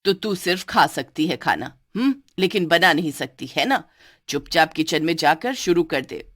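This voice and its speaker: Low-voiced domineering mother-in-law for a cartoon, done by a woman. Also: expressive, normal speed, a bit bright. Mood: scolding. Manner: commanding, scolding. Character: older mother-in-law, bossy, favors new bride. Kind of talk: cartoon voice acting.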